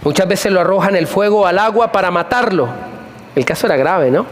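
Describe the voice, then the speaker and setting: A high-voiced man preaching a lively sermon to a congregation. He repeats phrases over and over and keeps putting questions to the listeners. A faint hiss runs under the recording. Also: fairly quick. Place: church hall before a congregation.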